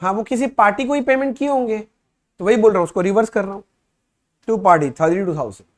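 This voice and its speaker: A man teaching accounting in a casual classroom lecture, chatting. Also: sits high. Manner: conversational, reads questions aloud slowly and loudly.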